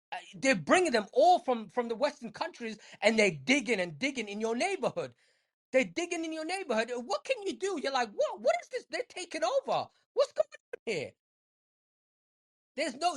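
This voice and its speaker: A woman in casual podcast chat, emphatic and profane, repeating her points to drive them home. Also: sits high.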